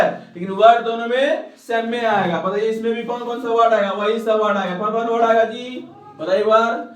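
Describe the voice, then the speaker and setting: A man's voice: sits high, fairly bright tone, a little hiss or hum. A man teaching a class, teasing his students and questioning them constantly. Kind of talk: classroom lecture. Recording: echoey classroom from far off.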